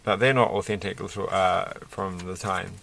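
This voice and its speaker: Building Lego at a desk indoors, a middle-aged creator gives casual, unscripted hobby vlog commentary in a low, croaky voice with a bright, forward edge and a steady tone. He rambles and halts, hunting for words, while faint noise and small clicks sit behind him.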